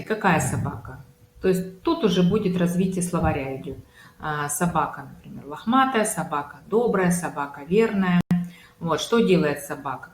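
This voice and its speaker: Low-voiced woman speech therapist explaining. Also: roomy sound, poor audio. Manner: patient, explains step by step with many examples and fillers. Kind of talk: consultation talk on home exercises.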